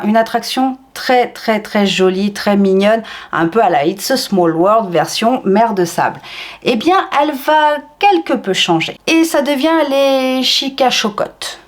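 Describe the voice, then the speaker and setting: A woman vlogger chatting enthusiastically, with fillers and frequent swings in pitch. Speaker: theme park vlogger. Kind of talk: casual vlog narration.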